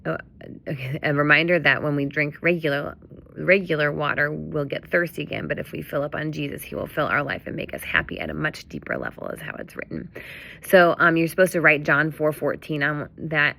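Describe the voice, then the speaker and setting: Woman, low gravelly voice, bright tone, casual ministry instructions, chatty with fillers. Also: big pitch swings, a little fast. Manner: chatty, many fillers and self-corrections. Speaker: children's ministry leader.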